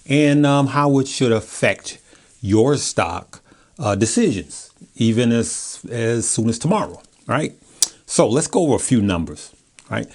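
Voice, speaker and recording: An American man hosting a stock video talks casually and informally to his viewers, giving chatty, colloquial stock commentary from notes. His voice is fairly low-pitched and a little mellow.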